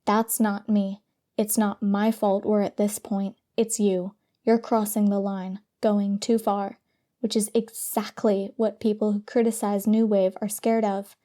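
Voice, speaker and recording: Woman reading as a stern sarcastic teen healer girl, low-key and even. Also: lightly acted. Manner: sarcastic, lecturing.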